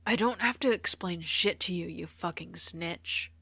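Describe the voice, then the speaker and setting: A man's voice: high voice, steady tone, normal speed, fairly bright tone. A woman voicing a hot-tempered, foul-mouthed teenage boy who snaps petulantly in a storybook reading. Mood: defiant. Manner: snapping, petulant.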